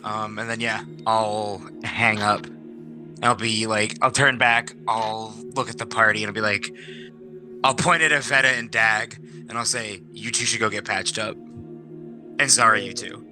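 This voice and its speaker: A man's voice: on the low side, fairly even intonation, a little slow, music in the background. A man playing a tabletop game, joking and bantering with the group. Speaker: player. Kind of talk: casual tabletop game play.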